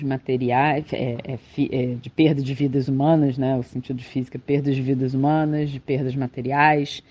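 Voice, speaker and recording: A woman with a Brazilian Portuguese accent, a professor giving a reflective podcast monologue with thoughtful, halting phrasing and frequent restarts. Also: very deep voice, mellow, lo-fi sound.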